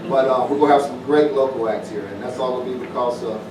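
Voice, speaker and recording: Talking fast in a mid-range voice, a former pro football player from southwest Virginia tells an evening community audience about a festival. The middle-aged man is informal and folksy and repeats phrases, while the distant mic captures a roomy, noisy room.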